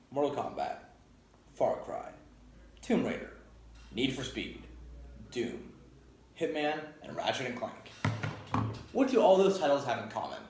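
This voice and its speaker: Indoors in his home garage, a man hosts an informal video review to camera, blunt, opinionated and rambling. His voice is medium-pitched and a little mellow, and the room is echoey with faint background noise.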